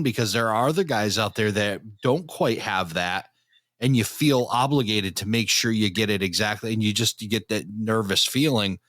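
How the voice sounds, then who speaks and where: A man's voice: on the low side, a bit bright, dry recording. A man hosting a hobby podcast in a chatty, easygoing way. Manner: chatty and easygoing, laughs along. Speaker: podcast host. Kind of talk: casual podcast conversation.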